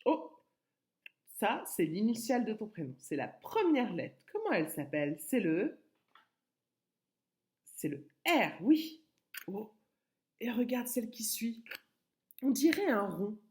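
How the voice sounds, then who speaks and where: Slow, sing-song woman teacher. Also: on the high side. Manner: spells letters out slowly, lively sing-song rises. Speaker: preschool teacher. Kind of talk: slow, clear teaching to small children.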